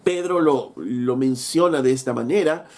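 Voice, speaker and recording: A man's voice: medium pitch, unhurried, a little mellow. A man preaching a sermon, telling a story with rhetorical questions and acting out biblical dialogue. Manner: acts out biblical dialogue in quoted voices.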